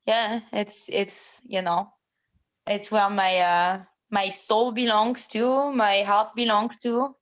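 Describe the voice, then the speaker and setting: A woman's voice: mid-range voice, fairly even intonation, takes it slowly. A woman in her thirties from France, speaking English as a guest in a casual interview, hesitant with many fillers and restarts, and blunt at times. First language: French. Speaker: MMA fighter, interview guest.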